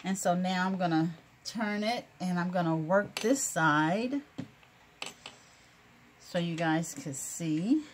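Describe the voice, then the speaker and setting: Slow-talking woman chatting through a sewing tutorial. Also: on the low side, a little hiss or hum. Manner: chatty and encouraging, laughs often, many fillers. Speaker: crafting video host.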